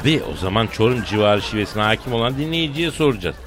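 A man's voice: lowish voice, animated, fast talker. A man with a Tokat-Elazığ accent hosting a comic morning radio show, teasing and theatrical in his banter. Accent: Tokat-Elazığ Turkish. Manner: theatrical, teasing, sing-song greetings. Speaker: radio comedy show host. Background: music bed.

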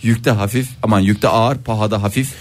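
A man's voice: fairly low pitch, fairly even intonation, brisk, faint music behind. A man co-hosting a casual comedic chat in a studio, handing out playful, mock-serious advice. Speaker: podcast co-host. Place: studio with a window. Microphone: studio microphone.

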